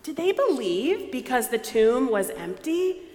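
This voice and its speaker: A woman leading a dramatized scripture reading, animated and prompting listeners to join in. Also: high-pitched, a little slow, crowd noise. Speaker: lead reader. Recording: echoey hall with long reverb.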